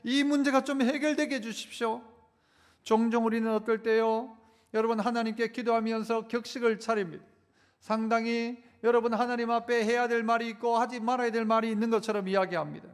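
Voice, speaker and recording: Male pastor, very high voice, sermon, call-and-response phrasing, slowed emphatic phrases, long church hall reverb. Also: level tone, clear, resonant tone. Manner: leads congregation in call-and-response repetition; slows down to stress key phrases. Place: large church sanctuary.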